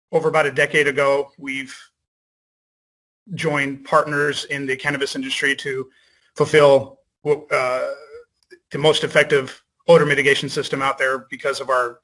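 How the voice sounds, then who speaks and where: A man giving formal testimony as an engineer over a video call, deferential and halting in his phrasing. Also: a little high, sharp tone, rough recording. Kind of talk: formal public meeting testimony.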